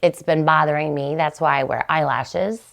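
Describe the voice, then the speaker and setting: A chatty middle-aged woman rambles through a story on her podcast. Her voice sits fairly low with a gravelly fry, and she jumps up in pitch when she gets excited. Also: moderate pace. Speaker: podcast host. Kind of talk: casual chat.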